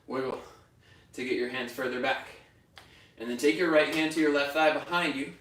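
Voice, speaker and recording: A man guides a yoga class, calling out poses and breaths in calm, steady directions. His mid-pitched voice sits back from the microphone. It rings around an echoing studio. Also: moderate pace. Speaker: yoga teacher. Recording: roomy studio echo from far off.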